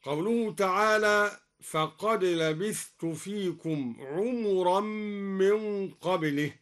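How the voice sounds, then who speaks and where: A man teaching Quran reading variants, explaining each rule and chanting the example verses in a measured way on the radio. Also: high voice, a bit bright. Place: radio studio.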